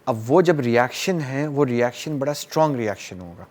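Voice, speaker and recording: A man's voice: mid-range voice, animated, darkish tone. Man explaining patiently. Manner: explains with everyday examples, mixing English terms. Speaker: psychiatrist guest. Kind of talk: explanatory interview talk.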